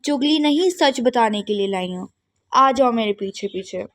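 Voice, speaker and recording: A woman voicing a young female classmate who is pleading and persistent, talking in a soft, earnest way in a doll game role-play. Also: on the high side, animated, normal speed, lightly acted. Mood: coaxing.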